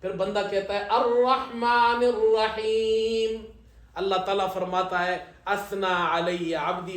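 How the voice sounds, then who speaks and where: A man preaching a sermon as imam, telling light humorous stories and reciting scripture slowly. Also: sits high, fairly bright tone. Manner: humorous storytelling, slow chanted Arabic recitation. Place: event hall at a ceremony. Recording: echoey hall.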